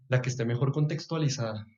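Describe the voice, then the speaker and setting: A young Colombian man from Bogotá muses aloud in a casual podcast chat, with a Bogotá accent and soft chuckles. His voice sits mid-range. The recording has a somewhat dull, lo-fi quality. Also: medium pitch, normal speed. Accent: Bogotá Colombian Spanish. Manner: reflective, chuckles often, trails off with soft asides. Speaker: podcast guest.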